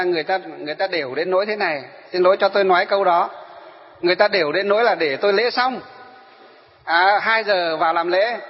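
A man, a Buddhist monk telling an animated story in a sermon and speaking straight to his listeners. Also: sits high. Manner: animated, addresses listeners directly. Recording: dull sound with long hall reverb.

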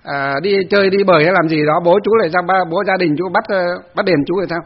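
A man's voice: high-pitched, fast, breathy edge, dull audio. A man, a Buddhist monk, giving a dharma talk in a chatty storytelling way with many fillers.

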